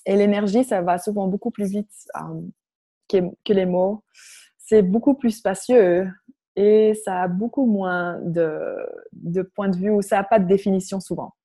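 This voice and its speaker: A woman from Flanders with a Flemish accent in French, a native Dutch speaker, guiding an online group through spiritual coaching in a halting way that searches for words. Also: mid-range voice, fairly even intonation, dark tone. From Flanders, Belgium. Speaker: workshop facilitator.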